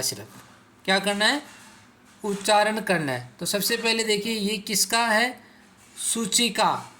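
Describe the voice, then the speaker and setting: A male schoolteacher talks his pupils through a vocabulary lesson at an unhurried, deliberate pace. His voice is bright and forward, and he poses questions only to answer them himself. He says each word slowly so the class can repeat it after him. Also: sits high, a little hiss or hum. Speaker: teacher. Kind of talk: classroom explanation for school students.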